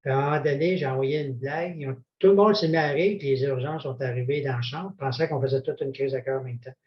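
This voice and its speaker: A man's voice: mid-range voice, quick pace, echoey room. A man with a Québécois accent, a jovial and encouraging coach chatting casually. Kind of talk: casual chat. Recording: dull lo-fi sound.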